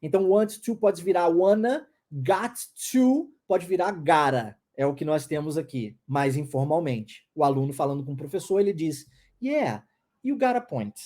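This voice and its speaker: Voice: medium pitch, moderate pace, few pauses, dark tone. An English teacher, explaining step by step in an online pronunciation lesson and modeling phrases for listeners to repeat.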